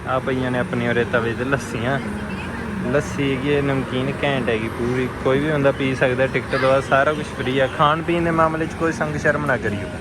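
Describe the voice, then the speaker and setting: A man's voice: medium pitch, very noisy. A young man with a Punjabi accent giving casual, slangy, enthusiastic vlog commentary as he shows viewers around. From Punjab, India. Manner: colloquial, enthusiastic exclamations and slang. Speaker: vlogger showing viewers around. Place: outdoors at a village-themed attraction. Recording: loud music behind outdoor vlog.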